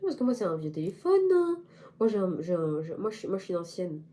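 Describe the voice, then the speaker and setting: A woman's voice: lowish voice, big pitch swings, fast talker, dark tone. A young woman in casual chat to camera as a vlogger, playful and self-mocking, with slang. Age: young adult.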